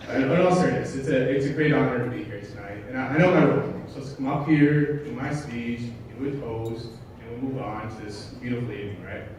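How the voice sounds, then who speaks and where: A man giving an informal, humorous best man speech at a wedding, joking along in a halting way and often correcting himself. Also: mid-range voice, darkish tone. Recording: distant, very echoey, noisy room recording.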